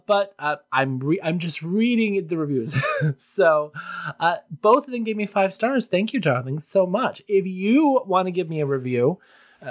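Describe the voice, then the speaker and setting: A podcast host chatting casually and solo in a campy, tongue-in-cheek manner. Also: medium pitch. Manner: campy, tongue-in-cheek, addresses listeners as darlings.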